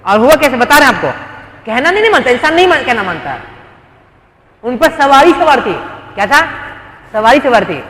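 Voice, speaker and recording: A man delivers a sermon in a very high voice. He tells stories, acts out the dialogue and asks the listeners rhetorical questions. The sound is roomy, with a long echo from a large hall. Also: very animated, fairly quick, pauses often, fairly bright tone. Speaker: preacher.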